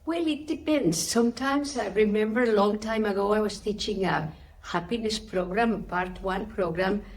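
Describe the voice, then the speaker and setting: A Spanish woman, middle-aged or older, speaks with a Spanish accent in a mid-range voice at a moderate pace. She's a spiritual teacher being interviewed, answering questions and sharing personal stories expressively and with emphasis.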